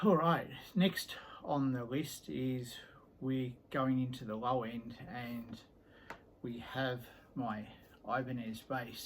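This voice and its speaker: Middle-aged male collector, casual and unhurried, mid-pitched, rambles with plenty of filler words, faint room hum behind. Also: poor audio. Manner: rambling and easygoing, with many ums and trailing sentences. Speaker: guitar collector showing his instruments. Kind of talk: casual show-and-tell vlog.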